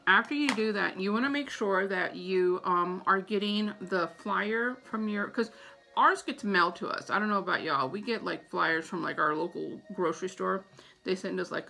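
With a lowish, gravelly voice that comes across pushed and bright, a middle-aged American woman offers chatty household advice to camera. She's indoors in a small room at home, repeating points for emphasis, recorded by a phone or tablet at arm's length.

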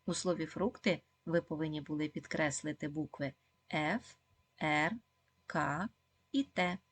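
A woman teaching a video lesson for second graders, speaking slowly and clearly, praising the pupils often and asking them questions. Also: deep voice, no echo. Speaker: primary school teacher.

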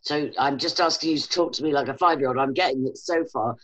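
A woman's voice: a bass voice, fairly bright tone, poor audio. A woman hosting an interview over a video call from home, asking curious questions and nodding along. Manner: curious, asks questions, quick short agreements. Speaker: host, interviewer. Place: room at home. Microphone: webcam on a video call.

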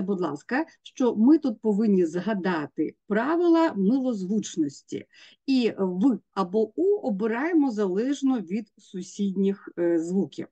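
Lady teacher going over test answers, soft mellow voice, spells out each sound. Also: medium pitch. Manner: explains step by step, spells out letters and sounds. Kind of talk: exam prep lesson.

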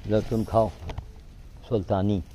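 A man's voice: lowish voice, flat delivery, slow, dark tone, slight background noise. An older man talking outdoors, coaxing animals he is feeding and giving chores to a helper in between. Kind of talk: casual outdoor narration.

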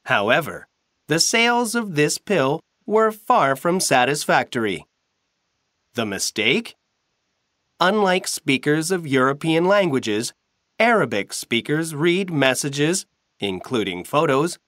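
A man narrating a textbook passage as a scripted recording, reading slowly and carefully enunciating. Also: fairly high pitch, a bit bright, dry recording, clean studio sound.

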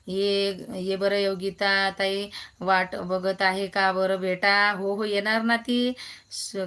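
A woman's voice: medium pitch, a bit bright, clear, resonant tone. A woman, hosting a casual phone live stream, chatting and greeting viewers by name as she reads their comments.

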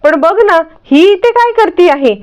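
A woman's voice: very high voice, expressive, measured pace, voice pushed up. A woman voicing a hot-tempered young sister-in-law demanding answers. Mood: accusing. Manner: accusing, demanding.

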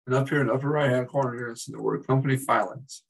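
A man giving a casual, chatty screen-recorded software tutorial as an instructor, with wry asides. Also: medium pitch, fairly even intonation, very fast, creaky, far from the mic, slight background noise, rough recording.

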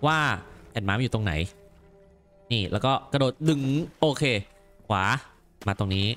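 A man commenting on a game as he plays, exclaiming and repeating words in quick excited bursts. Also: fairly low pitch, soft background music. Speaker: gameplay commentator. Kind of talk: let's play commentary.

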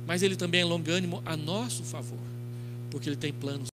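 A middle-aged Brazilian-accented pastor preaches an expository sermon into a handheld mic on an indoor church stage, telling stories with quoted dialogue and rhetorical questions. His voice is on the high side and fairly quick. The recording is clearly noisy, with mains hum.

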